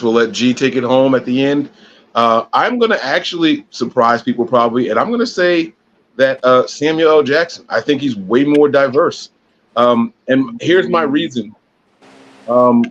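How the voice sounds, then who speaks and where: A man's voice: medium pitch, muffled recording. A man co-hosting a casual live podcast, teasing and laid-back. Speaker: podcast co-host. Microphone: phone.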